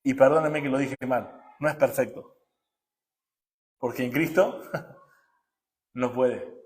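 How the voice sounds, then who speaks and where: A male pastor, preaching emphatically and questioning his congregation, swinging from loud to hushed. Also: mid-range voice, steady tone, slow. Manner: emphatic preaching, rises and drops sharply, asks the congregation questions. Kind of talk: sermon.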